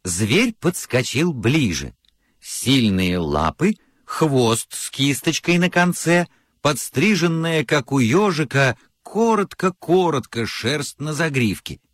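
Husky, animated male storyteller. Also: fairly high pitch, takes it slowly, dry recording, studio quality. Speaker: narrator. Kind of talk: expressive scripted children's story narration.

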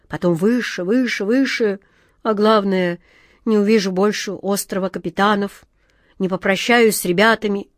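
A woman's voice: mid-range voice, dry recording, studio quality, lightly acted. Woman reading a sighing gloomy first mate. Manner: sighing, lamenting. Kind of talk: storybook reading.

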